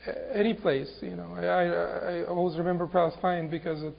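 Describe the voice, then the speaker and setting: Man from Egypt, Islamic lecture, high voice, halting, repeats words, dull lo-fi recording. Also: flat delivery, vocal fry.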